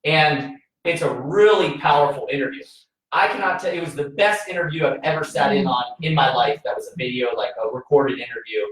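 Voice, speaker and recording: In a casual podcast chat, a male co-host recounts a story earnestly, often starting sentences over. His voice is medium-pitched, fairly quick and fairly bright, captured at a distance in a heavily echoing room.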